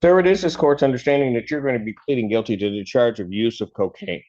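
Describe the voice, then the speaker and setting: A man's voice: medium pitch, a little mellow. Male judge in a dull courtroom recording. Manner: measured, formal, questioning. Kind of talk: formal court plea hearing.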